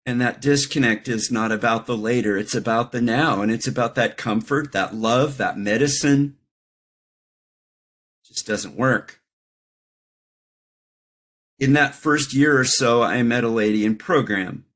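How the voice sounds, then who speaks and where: A man's voice: mid-range voice, measured pace, long pauses, fairly bright tone. A middle-aged man giving a candid, reflective personal share at a recovery meeting, with wry self-deprecating humor.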